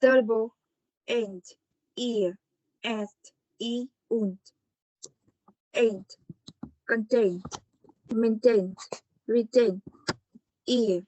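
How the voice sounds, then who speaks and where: A woman reads out her class presentation, pausing over each example word. Her voice sits a little high and moves at an unhurried pace. The sound is dry and close, with almost no room around it. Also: fairly even intonation, dark tone, dry recording, lo-fi sound. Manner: slow, word-by-word reading of examples. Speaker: student presenter.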